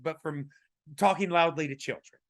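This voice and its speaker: A man co-hosting a podcast in casual chat, his voice raspy, talking emphatically with many fillers and restarts. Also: a little high, normal speed, fairly bright tone. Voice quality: raspy today. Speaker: podcast co-host.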